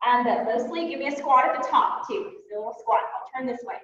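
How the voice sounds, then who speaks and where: High-voiced woman leading a workout, echoey. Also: expressive, fast talker, fairly bright tone. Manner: upbeat cueing with frequent "um" fillers; talks while moving and exercising. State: a little winded. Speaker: fitness instructor. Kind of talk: workout class instruction. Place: fitness studio. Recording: echoey room, distant mic, dull sound.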